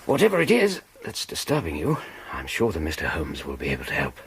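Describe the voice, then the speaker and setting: A man acting a courteous, kindly Victorian gentleman doctor with a husky English voice in a radio drama. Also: extremely low pitch, wildly swooping pitch, fairly quick, heavily acted. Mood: courteous, reassuring.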